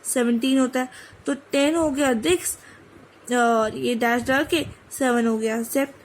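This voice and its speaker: A woman's voice: high voice, steady tone, unhurried, a little hiss or hum, poor audio. A woman teaching French number pronunciation, mixing Hindi with English and sounding out each word. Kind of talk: online language lesson.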